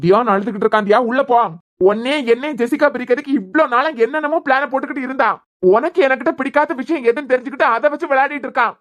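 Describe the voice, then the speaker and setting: A voice actor playing a young husband in a cartoon serial, with a Kanyakumari Tamil accent, pleading and trying to calm his wife. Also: high-pitched, rapid-fire. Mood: soothing, insistent. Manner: pleading, soothing, insistent.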